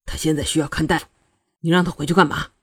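Woman reading a brooding young prince: deep, muted and husky-edged, in a storybook reading. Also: fairly even intonation, fast talker, dry recording, studio quality. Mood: irritated. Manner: low, subdued murmur, sometimes irritated. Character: young male prince, troubled and conflicted. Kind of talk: audiobook character voicing.

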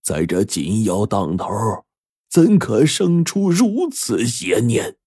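A man voicing a stern elderly master sorcerer who speaks slowly and gravely. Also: low-pitched, lively intonation, mellow, no room sound, clean studio sound, full character voice. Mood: solemn. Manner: slow, weighty admonishing delivery.

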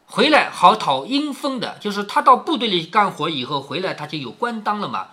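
Lively man explaining a story. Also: sits high, brisk. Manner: lively, questioning, chatty. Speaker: father reading a classic novel to his daughter.

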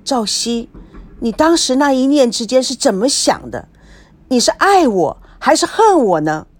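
A woman's voice: high-pitched, big pitch swings, measured pace, no echo, heavily acted. A woman voicing a heartbroken young woman who pleads through tears. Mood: hurt. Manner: pleading, tearful questioning.

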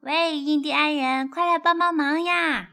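A young boy voicing a slightly stern rabbit mother from a storybook, lowering his voice a little into a bossy tone. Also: fairly even intonation, measured pace, bright, forceful tone, exaggerated voice. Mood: scolding. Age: child.

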